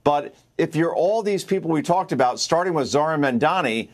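A man's voice: on the high side, animated, normal speed. A man appearing as a guest contributor, giving assertive political commentary with some restarts.

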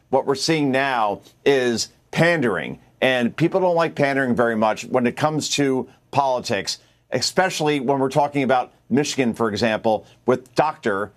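A man appearing as a guest contributor, giving assertive political commentary with some restarts. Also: medium pitch.

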